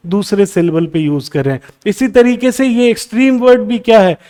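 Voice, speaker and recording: A man's voice: sits high, a little fast, mellow. A man teaching English exam prep in a lecture, mixing Hindi with English terms and answering his own questions. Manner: asks the class questions, then answers them himself.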